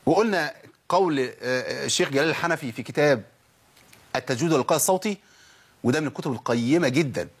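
A husky-voiced man with an Egyptian accent teaches Quran recitation at a quick clip. He fires questions at his listeners, answers them himself, and repeats letters and words to show how they should sound. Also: fairly high pitch, expressive. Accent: Egyptian Arabic. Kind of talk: tajweed lesson with spoken demonstrations.

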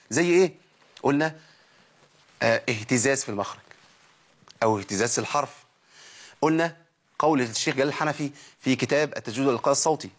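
Egyptian man, recitation teacher, quick husky delivery; asks and answers his own questions, models sounds for the class to copy. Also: medium pitch. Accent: Egyptian Arabic. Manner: poses questions and answers them himself, models sounds for repeating. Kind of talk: recorded tajweed lesson.

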